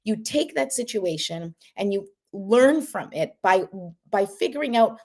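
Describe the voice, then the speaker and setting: A woman's voice: mid-range voice, expressive, measured pace, a little mellow. Woman, motivational host, encouraging, casual talk, checks in with "right?". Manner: encouraging, keeps asking "right?".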